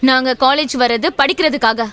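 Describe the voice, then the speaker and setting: An actress voicing a young, outspoken college woman, confident and quick to scold. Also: high voice, a bit bright, smooth. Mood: defiant. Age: young adult. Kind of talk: dubbed film acting.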